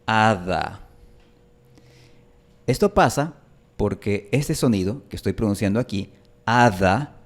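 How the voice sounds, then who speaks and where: A man hosting a phonetics lesson as a teacher, speaking deliberately and repeating example words slowly to demonstrate their sounds. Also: on the low side, expressive. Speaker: Spanish pronunciation teacher and channel host.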